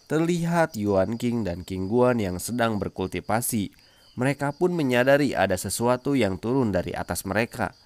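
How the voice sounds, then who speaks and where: A man narrating a comic-chapter recap as channel host, in a steady storytelling manner. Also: on the low side, no room sound. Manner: steady storytelling, friendly sign-off appeals.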